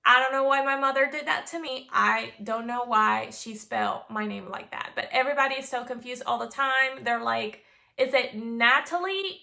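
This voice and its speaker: Bubbly Venezuelan woman, bright gravelly voice. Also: a little high. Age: 20s. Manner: bubbly and chatty, with playful asides. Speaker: vlogger. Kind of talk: casual chat to camera.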